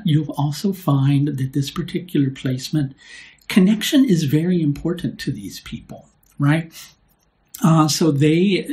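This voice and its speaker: A man, an astrologer hosting his own video, explaining a topic in a relaxed conversational way and tagging his points with "right?". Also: on the high side. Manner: unhurried, with filler "uh" and restarts. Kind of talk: solo explanatory video talk.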